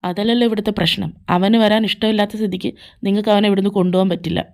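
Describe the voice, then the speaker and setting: A woman's voice: mid-range voice, fairly even intonation, very fast, vocal fry, natural voice. A woman voicing a young man who steps in to defend someone in a fan audio drama, challenging and confrontational. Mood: defiant. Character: young man stepping in, defiant bystander. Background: faint background music.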